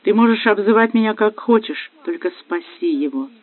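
Man doing a tearful wife, pleading, high voice, tinny dry audio. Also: animated, moderate pace, dry recording. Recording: dry, phone-like lo-fi.

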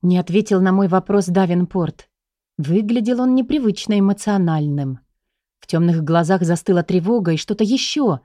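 A woman calmly narrating a story in the first person. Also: fairly low pitch, moderate pace, dry recording, studio quality. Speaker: audiobook narrator.

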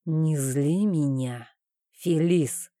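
A woman reading the part of a smug, self-assured young nobleman who talks in a slow, lazy drawl. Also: sits low, warm tone, dry recording, clean studio sound. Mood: cold.

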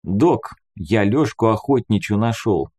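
Brash joking young companion, pushy and brisk, read by a male narrator. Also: fairly low pitch, animated, a little mellow. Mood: urging.

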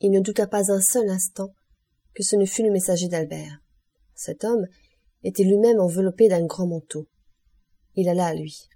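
A woman reading a classic novel aloud as an audiobook narrator, in a measured, even way. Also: medium pitch. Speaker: audiobook reader.

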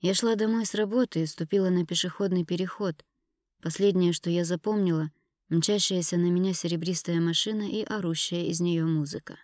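A woman narrates a first-person audiobook in a measured, intimate way. Her voice sits on the low side for a woman. The recording is dry, with no room sound. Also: fairly even intonation, a little mellow, no room sound.

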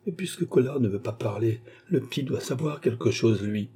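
A man's voice: medium pitch, expressive, moderate pace, dark tone, slightly rough. A man doing a cowering, stammering locksmith. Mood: pleading. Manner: stammering, pleading. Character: cowardly male locksmith begging mercy.

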